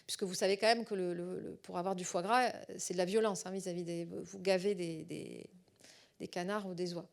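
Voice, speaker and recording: A middle-aged woman with a southwestern French accent gives a public lecture as a researcher. She often pauses on fillers and repeats words. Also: lowish voice, fairly even intonation, creaky.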